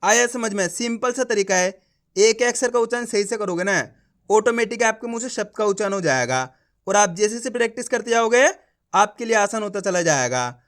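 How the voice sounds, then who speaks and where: A man's voice: sits high, animated, a little fast, fairly bright tone. Man teaching reading, sounding out syllables. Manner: sounds out words syllable by syllable, then blends them; addresses viewers as friends, coaxing and encouraging. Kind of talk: online reading lesson.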